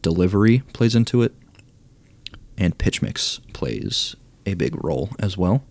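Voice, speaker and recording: A young man commenting casually on a baseball video game, reading stats aloud and thinking out loud, hoarse as he loses his voice. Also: deep voice, sing-song, a little slow, no echo. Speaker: gaming YouTuber ranking cards.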